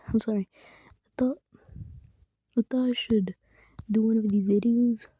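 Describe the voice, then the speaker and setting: A young woman who makes drawing videos chats casually while she draws, speaking softly, often half-whispering, and putting herself down. Her voice is a little high with a breathy edge, and there's no room sound.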